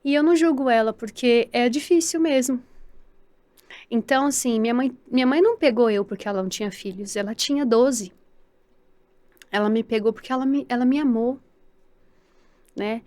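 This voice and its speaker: A woman with a Brazilian Portuguese accent, a podcast guest telling her personal story in earnest, halting speech, often repeating words and asking for agreement. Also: on the high side, a little mellow. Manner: devout, speaks of faith with feeling. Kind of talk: personal testimony in an interview.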